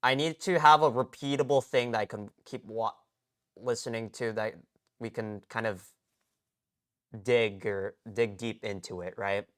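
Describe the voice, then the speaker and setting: A man talks his way through a late-night live stream from home, his voice sitting a little low and coming across smooth and clear. He rambles in casual slang, repeating words and restarting his sentences as he goes. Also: fairly even intonation, a little slow, fairly bright tone. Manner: rambling, slangy, self-interrupting.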